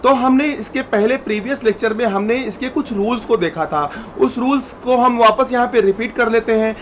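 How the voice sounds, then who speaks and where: High-voiced male chemistry teacher. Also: normal speed. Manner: repetitive, explains step by step, addresses students directly. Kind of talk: classroom lecture. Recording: dull lo-fi sound, faint noise.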